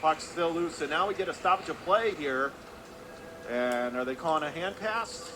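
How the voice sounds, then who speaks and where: Live on the radio, a play-by-play announcer with a somewhat high voice calls hockey at normal speed. His clipped, running phrases lift as the action builds, and the rink's background noise comes through clearly.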